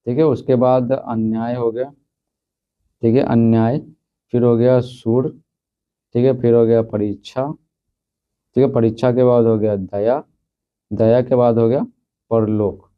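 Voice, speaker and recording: A man walks students through textbook answers in a steady, mid-pitched voice, repeating each point and checking in constantly. The recording is a bit dull and low in fidelity. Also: unhurried, pauses often, clean tone. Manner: repeats answers, fills with "theek hai". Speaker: teacher. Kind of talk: school lesson explaining textbook answers.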